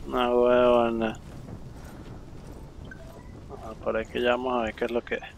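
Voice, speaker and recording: Gravelly Venezuelan man playing a game. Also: medium pitch, completely flat delivery, moderate pace. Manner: informal, slangy, thinking aloud. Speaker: gaming streamer. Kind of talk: casual let's play commentary. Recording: loud game sound behind, noisy. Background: game audio and ambience.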